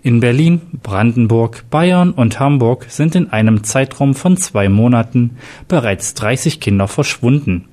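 A man's voice: medium pitch, lively intonation, a little slow, few pauses, warm tone, natural voice. A man voicing a cool, authoritative male homicide inspector in a read-aloud crime story, formal and self-assured.

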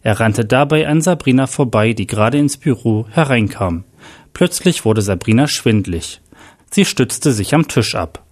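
A man reads a crime story aloud in a plain, steady voice. His pitch sits in the middle range. The narration moves evenly from scene to scene. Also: measured pace.

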